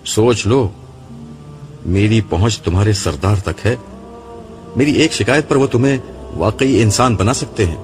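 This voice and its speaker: A playful, mischievous jinn pal who teases his friends with an innocent air, as a male narrator puts him on. the voice sits a little above the reader's low tone, and a steady music bed runs underneath the storybook reading. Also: long pauses, close to an everyday voice. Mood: teasing. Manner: teasing, mock-innocent.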